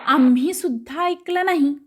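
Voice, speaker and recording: A woman's voice: sits high, unhurried, pitched above the performer's own voice. A woman reading the part of a gossipy male schoolteacher neighbor who keeps butting in. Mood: meddling.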